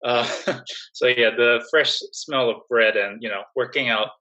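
A young adult man from Singapore, speaking as a guest in a casual interview, relaxed and full of fillers and restarts. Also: medium pitch, a little slow, rough recording. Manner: relaxed, many fillers and restarts, laughs softly. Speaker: job-seeking guest.

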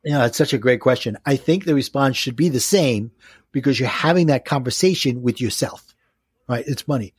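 A man's voice: mid-range voice, brisk, husky, no echo, clean studio sound. A man with a Brooklyn accent talking as a life coach in an interview, explaining step by step with rhetorical questions. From Brooklyn, New York.

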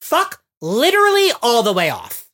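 With a higher voice whose pitch swoops wildly, a woman in her thirties rants about reality TV on the podcast she co-hosts. She talks at normal speed with a slightly bright tone, swearing a lot and acting out quotes.

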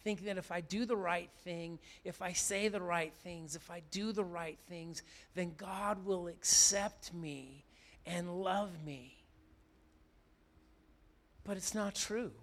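A middle-aged pastor preaching a sermon. He moves between loud, emphatic declarations and quiet, confiding storytelling. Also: high voice, takes it slowly.

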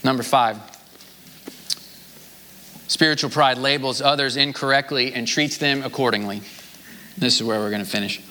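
Man preaching, bright forceful voice, long hall reverb, faint room noise. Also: mid-range voice, steady tone, normal speed, long pauses. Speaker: pastor. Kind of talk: sermon.

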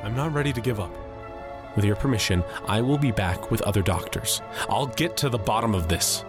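Casting: proud, irreligious male physician actor, lower register, brisk and authoritative, dramatized story over clear music. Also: close to an everyday voice. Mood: determined. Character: skeptical, proud male doctor, irreligious, increasingly baffled. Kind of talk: dramatized audio story acting. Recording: loud music under the voice.

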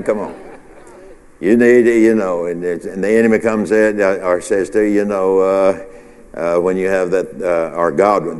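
Pastor, male, low voice, loose conversational preaching with call-and-response, reverberant sanctuary. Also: darkish tone. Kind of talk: informal midweek sermon. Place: church sanctuary. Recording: long hall reverb.

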